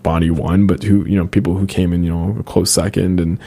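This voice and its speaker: A man with a very low voice hosts a radio panel. He talks loosely and warmly in tone, with plenty of "you know" and "like", and keeps the chat flowing. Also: level tone, fairly quick, gravelly, slightly rough. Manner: chatty, filler-heavy, frequent "like" and "you know". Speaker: host. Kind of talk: casual panel talk show. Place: radio studio.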